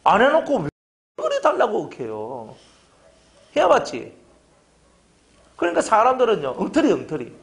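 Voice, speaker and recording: Middle-aged male pastor, fiery sermon delivery, animated pitch. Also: normal speed, vocal fry, long pauses. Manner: fervent, hammering rhetorical questions.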